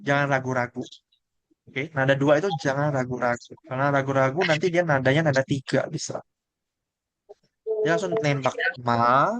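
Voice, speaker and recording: A man's voice: mid-range voice, steady tone, moderate pace, a bit bright. A man teaching a class the tones of Mandarin pinyin, explaining patiently and asking the students questions.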